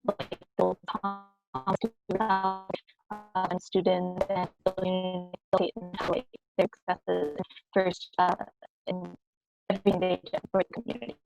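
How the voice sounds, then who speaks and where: A woman's flat, level voice, dull and lo-fi over a video call, breaks up into corrupted, glitchy audio that drops in and out. She presents haltingly with many fillers, and faint guitar plays behind her. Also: fairly low pitch, creaky. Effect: corrupted, glitchy audio that cuts in and out. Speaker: medical student presenter. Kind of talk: online conference presentation.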